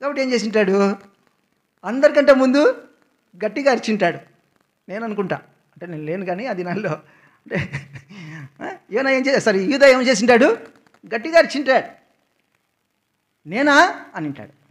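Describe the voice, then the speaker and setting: A man preaching a sermon in a prayer house, who keeps asking the congregation questions, answers them himself and stresses key words loudly. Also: sits high, lively intonation, normal speed, pauses often. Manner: repeats key words with sudden loud emphasis.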